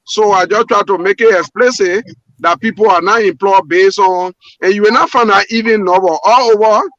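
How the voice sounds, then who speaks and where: A man's voice: high-pitched, normal speed, a bit bright, no echo, highs cut off. A Liberian man, a port manager guest on a call-in show, speaking earnestly with many repeats and restarts. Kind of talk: call-in radio interview.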